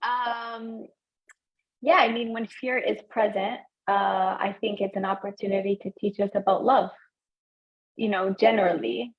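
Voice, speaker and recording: A woman's voice: medium pitch, steady tone, a little slow, dull audio. A woman co-hosting a podcast, talking in a thoughtful, meandering way with many fillers and restarts. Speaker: podcast co-host. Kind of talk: reflective casual chat.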